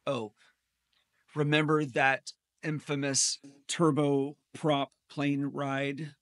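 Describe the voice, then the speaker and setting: Slow, measured pastor preaching from the pulpit. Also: male voice, fairly high pitch, little pitch movement, no room sound. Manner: storytelling with dry humor. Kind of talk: sermon. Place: church sanctuary at a pulpit. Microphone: pulpit gooseneck mic.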